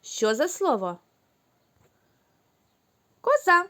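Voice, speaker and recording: Slow, lilting woman teacher. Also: sits high, wildly swooping pitch, sharp tone. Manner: slow, clear, drawn-out syllables for children. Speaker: kindergarten teacher. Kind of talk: recorded online lesson for young children.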